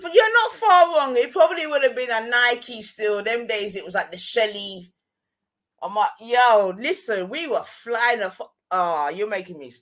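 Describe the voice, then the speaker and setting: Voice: medium pitch, pushed and bright. A middle-aged speaker with a London roadman accent tells stories in casual, slangy chat, often checking in with tag questions. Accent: London, street slang.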